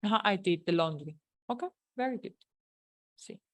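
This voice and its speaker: A woman's voice: fairly low pitch, animated, unhurried, a bit bright. A woman teaching an English grammar lesson, explaining in a chatty, playful way with jokes and questions to her students. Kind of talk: online English lesson taught in Spanish.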